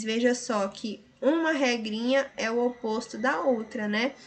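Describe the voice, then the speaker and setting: A woman's voice: fairly high pitch, fairly bright tone. A woman teacher with a Brazilian Portuguese accent, patiently going over answers step by step in a recorded lesson. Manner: patient, explaining step by step with frequent tag questions.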